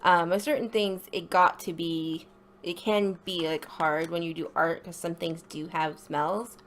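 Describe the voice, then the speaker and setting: A woman's voice: fairly low pitch, little pitch movement, a little slow, a bit bright, a little hiss or hum. A woman with a slight lisp giving a casual, rambling voice-over for an art video, with informal apologetic asides.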